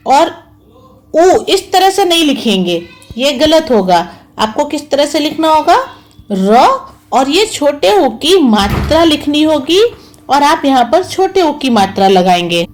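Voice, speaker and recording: Woman schoolteacher for a children's online class; high, animated voice, slow, patient, spells out every syllable. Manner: slow, careful, spelling out each sound and syllable; patient, repeats each word twice. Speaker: school teacher. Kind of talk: online Hindi lesson for young children.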